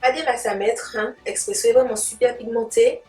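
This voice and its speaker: Showing off her makeup in a relaxed tutorial, a beauty vlogger talks in playful slang and treats her audience like pals. Her slightly high voice is fairly even in intonation, a little mellow, and at normal speed. Music plays behind her, and the recording is roomy with a distant mic.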